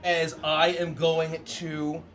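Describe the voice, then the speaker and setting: A man's voice: fairly high pitch, monotone, slow, a bit bright. A man at a tabletop game, casually calling out rules and rolls as he takes his turn. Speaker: tabletop game player running a creature's turn. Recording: music behind the voice.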